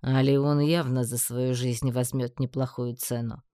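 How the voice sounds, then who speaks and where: An actor playing a scheming emperor who speaks slowly, mocking and menacing. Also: male voice, mid-range voice, little pitch movement, mellow, clean tone, no room sound, clean studio sound, natural voice. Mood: cold mocking. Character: cold, scheming male emperor, middle-aged. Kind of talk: audiobook character voice.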